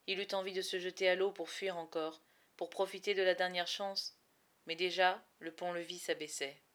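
A woman narrating a storybook in expressive, measured phrases with dramatic pauses. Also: medium pitch. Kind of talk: storybook reading.

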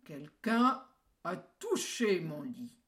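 A woman voicing a huge gruff papa bear in a storybook, slow and loud with a big booming voice. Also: sing-song, heavily acted. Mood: indignant.

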